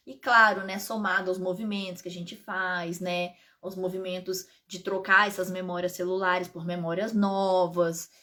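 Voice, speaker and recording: Speaking in a medium-pitched, somewhat bright and slightly hoarse voice, a Brazilian woman who is both a pharmacist and an integrative therapist talks casually to her live-stream audience, often drifting into asides.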